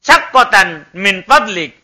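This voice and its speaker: A man's voice: high-pitched, expressive, slow pace, bright, forceful tone. A man teaching an Arabic class, drilling students and correcting their pronunciation. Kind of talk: classroom language lesson.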